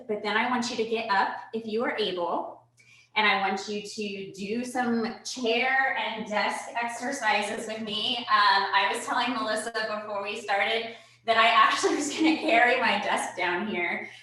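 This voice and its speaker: A bright-voiced woman coaching a virtual fitness class from a room at home, talking upbeat and chatty and a little out of breath. The room rings with a lot of echo. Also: mid-range voice. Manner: upbeat, chatty, checks in with "okay?". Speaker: fitness instructor. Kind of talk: live virtual fitness talk and demo. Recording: very echoey room.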